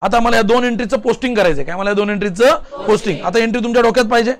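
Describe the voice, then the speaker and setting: A male commerce teacher leading a classroom accounting lesson, firing quick questions and calling on students to answer loudly. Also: very high voice. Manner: drilling students with rapid call-and-response questions. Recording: class chorus behind.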